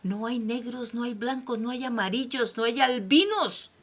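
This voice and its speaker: A Colombian woman with a Colombian accent hosts a personal motivational monologue, preaching emphatically and swinging between soft asides and loud declarations. Her voice sits fairly high and is expressive, moving at a normal pace.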